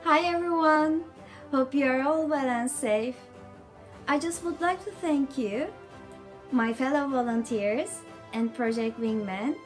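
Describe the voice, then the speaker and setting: A woman's voice: sits high, a little mellow, rough recording. Woman giving a formal, careful thank-you speech. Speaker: award winner. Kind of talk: prepared acceptance speech. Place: bedroom at home. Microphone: video call.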